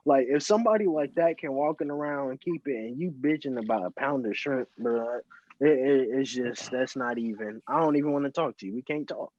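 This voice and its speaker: A young man, telling stories casually with lots of halting repeats and slang. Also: medium pitch, a little mellow. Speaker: podcast co-host. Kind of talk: casual chat. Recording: slightly dull lo-fi audio.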